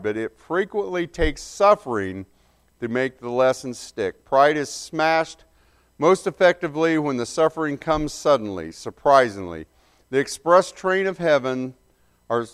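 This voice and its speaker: A man preaching an earnest, emphatic sermon, pausing and correcting himself as he goes. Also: medium pitch, smooth.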